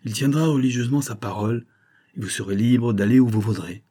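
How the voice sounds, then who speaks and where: A man's voice: mid-range voice, fairly quick, warm tone, close to an everyday voice. A man voicing a proud noble count in an audiobook, speaking curtly and with command. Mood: solemn.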